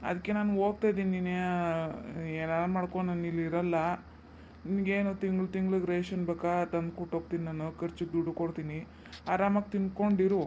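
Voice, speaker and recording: A man's voice: high voice, level tone, fast, a little mellow, highs cut off, a little hiss or hum, close to an everyday voice. A man voicing a stubborn cartoon son. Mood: firm. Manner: firm, dismissive, growing angry. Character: grown son, stubborn, leaving his mother. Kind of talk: cartoon dubbing.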